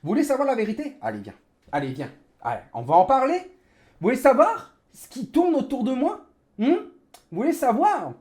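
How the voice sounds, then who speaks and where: A man's voice: very high-pitched, big pitch swings, a little fast, darkish tone. A man livestreaming an angry gamer rant, indignant and sarcastic, hammering phrases with emphatic repetition. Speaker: livestreamer, sim racing gamer.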